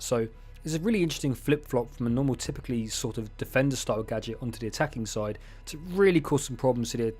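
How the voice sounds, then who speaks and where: Young male gaming host, casual voice-over, mid pitch, cheeky asides. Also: a little mellow. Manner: chatty, joking asides, self-mocking. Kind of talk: casual game update rundown over gameplay.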